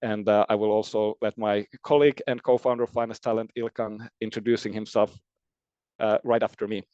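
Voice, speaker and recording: A man's voice: fairly low pitch, flat delivery, brisk, darkish tone, smooth, no echo, muffled recording. A man born in Finland and raised in Germany, a recruitment company CEO hosting a presentation, talking hesitantly with many fillers and restarts. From born in Finland, grew up in Germany. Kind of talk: presentation talk.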